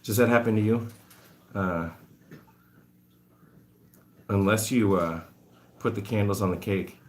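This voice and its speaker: This is a man in his 40s with a low-leaning, unhurried voice, streaming from home as an animal rescuer. He chats loosely with viewers and amuses himself while tending to chores around his guinea pigs.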